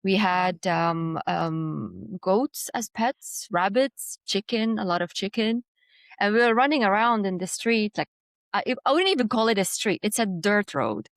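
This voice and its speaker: A woman from Jordan looks back on her childhood as an interview guest, mid-pitched and unhurried, pausing often with small fillers and restarts. The recording is close and dry, with almost no room sound. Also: lively intonation, no echo. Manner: reflective, hesitant with many fillers and restarts. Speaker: design executive guest. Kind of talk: conversational interview storytelling.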